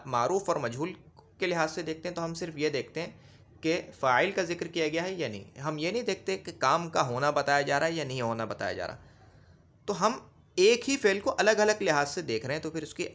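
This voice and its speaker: Male teacher, slightly high voice, patient and repetitive, classroom lecture delivery. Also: lively intonation, brisk, fairly bright tone. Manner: patient, repetitive explaining, checks understanding often.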